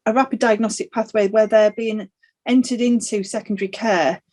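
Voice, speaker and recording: Earnest woman panelist, mid-pitched, emphatic and plain, on a video call. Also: steady tone, normal speed, a little mellow. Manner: earnest, emphatic, some restarts. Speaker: sonographer panelist. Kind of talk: panel debate answer.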